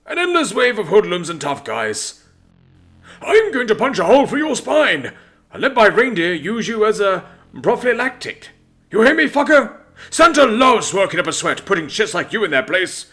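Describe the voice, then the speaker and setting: A man voicing a foul-mouthed, violent old Santa Claus in a spoken story, mocking and shouting threats. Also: sits high, sing-song, moderate pace, pitched above the performer's own voice, exaggerated voice. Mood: gleeful menace.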